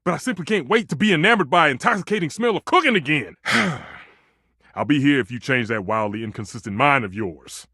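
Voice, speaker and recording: A male actor playing a passionate, dramatic, flirtatious living stove who works as a chef, with a theatrical, expressive delivery in a dating video game. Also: fairly high pitch, a little fast, husky, dry recording, studio quality, heavily acted. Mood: let down, gracious. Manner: theatrical, expressive, swinging between exclaiming and murmuring. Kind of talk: voiced dating video game character lines.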